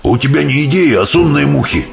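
A man voicing a big, gentle giant who mangles his words into odd coinages, in a storybook reading. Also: a little high, lively intonation, fairly quick, gravelly, voice pushed up. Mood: musing. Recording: dull audiobook sound, faint music.

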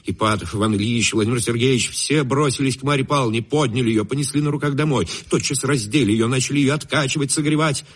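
A man narrating a classic story in a measured, expressive reading. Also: medium pitch, breathy edge. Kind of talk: literary audiobook narration.

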